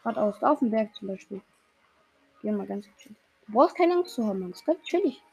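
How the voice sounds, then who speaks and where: A woman's voice: medium pitch, expressive, fairly quick, gravelly, mellow, breathy edge, lo-fi sound, faint music behind. Young woman coaching a nervous gamer. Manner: reassuring, slangy, talks someone through a game. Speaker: player coaching another gamer. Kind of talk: casual gameplay chat.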